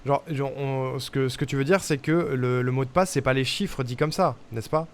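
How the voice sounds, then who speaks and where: A young man with a medium-pitched voice talks at normal speed while live-streaming a puzzle game, thinking aloud in casual commentary as he tests guesses and mutters to himself. A little hiss or hum is audible.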